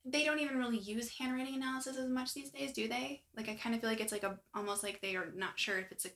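A woman co-hosting a true-crime podcast, talking in a chatty, animated way with lots of asides. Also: a little high, fast talker. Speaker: podcast co-host. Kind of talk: casual true-crime chat.

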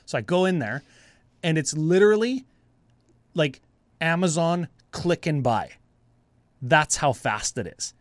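A man's voice: on the high side, lively intonation, a little slow, pauses often, no echo. A man hosting a podcast, telling stories casually and colloquially, swearing and acting out conversations. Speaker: podcast host. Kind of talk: casual chat, animated storytelling.

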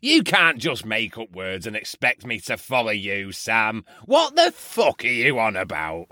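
A man's voice: lowish voice, huge pitch swings, measured pace, sharp tone, no echo, studio quality, full character voice. An actor playing a paranoid, crude male field reporter, gushing over his love with wild swings in his voice.

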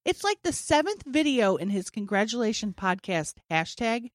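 A woman's voice: a little high, very animated, normal speed, no echo, studio quality. A woman co-hosting a podcast, talking candidly and animatedly in casual chat. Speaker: podcast co-host.

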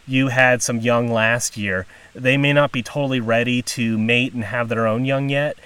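A man of middle pitch hosts a nature podcast from outdoors. He explains things informally and chattily, like casual field narration. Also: a bit bright, smooth, far from the mic, poor audio. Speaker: podcast host.

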